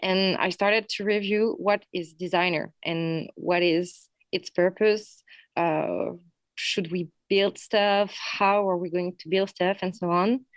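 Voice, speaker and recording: A French woman with a French accent giving a friendly conference presentation in English, often pausing on "um" and "uh". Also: lowish voice, no echo. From France. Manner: friendly, with frequent fillers. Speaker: conference speaker.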